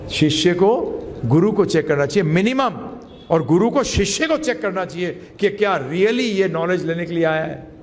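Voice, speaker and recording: Male spiritual teacher, fairly high voice, emphatic, keeps quizzing his class, long hall echo. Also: animated, normal speed. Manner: emphatic, quizzes listeners with questions; mixes English phrases into his talk. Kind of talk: Gita lecture to a live class.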